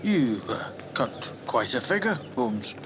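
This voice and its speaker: A man acting a fussy, hesitant Victorian gentleman doctor with a halting, genteel, stuffy manner in a radio drama. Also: medium pitch, big pitch swings, dull audio, background noise. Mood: pleased.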